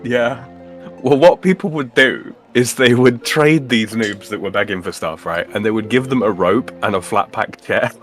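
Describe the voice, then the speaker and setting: A man's voice: fairly low pitch, soft background music. A man casually chatting and telling stories with friends while streaming an online game, laughing often. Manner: laughs often, drawn-out storytelling. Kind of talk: casual gaming chat.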